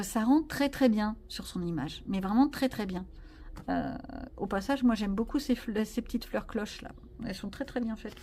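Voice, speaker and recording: A woman's voice: fairly high pitch, darkish tone, a little hiss or hum. A woman vlogging casually about her coloring pages, rambling and joking at herself with lots of fillers. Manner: chatty, rambling, self-mocking, many fillers. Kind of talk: casual chat.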